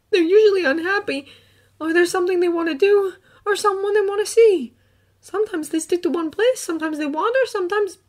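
A woman doing a soft-spoken earnest teenage boy. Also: very high voice, voice pushed up. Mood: halting. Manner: soft, halting, emotional. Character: earnest teenage boy who sees ghosts. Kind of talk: fan fiction audiobook reading.

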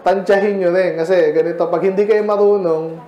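A man's voice: sits high, steady tone, fairly quick, mellow, roomy sound, muffled recording, a little hiss or hum. A man with a Filipino accent preaching a sermon in a church, in a casual, joking style with frequent asides. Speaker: pastor.

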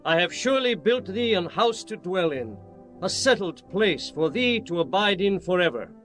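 A biblical king in a bible audio drama, high male voice, solemn n reverent declaiming, bit of music behind. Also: very animated, moderate pace, fairly bright tone. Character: King Solomon, reverent male monarch praying and blessing. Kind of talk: dramatized scripture reading.

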